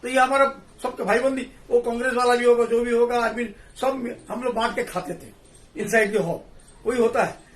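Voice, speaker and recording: A man talking in a casual political discussion, animated and laughing, mixing in English phrases. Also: very high voice, normal speed. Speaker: discussion panelist. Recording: echoey room, distant mic.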